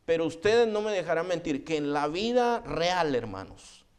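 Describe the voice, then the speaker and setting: Animated pastor preaching. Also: male voice, moderate pace. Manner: animated, often addressing listeners as "hermano"; acts out quoted voices with rising pitch. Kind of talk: sermon.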